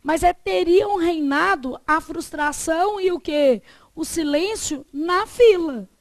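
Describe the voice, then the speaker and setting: A woman teaching a Portuguese grammar lesson, lively, asking the class questions and answering them herself. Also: very high voice, slow pace, dry recording.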